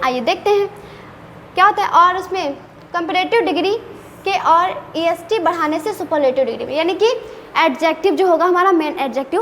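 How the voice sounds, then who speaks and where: A woman's voice: extremely high pitch, fairly bright tone. A woman teaching an English grammar lesson, often asking her students rhetorical questions. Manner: playfully scolding. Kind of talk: classroom-style grammar lesson. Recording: long reverb with faint background noise.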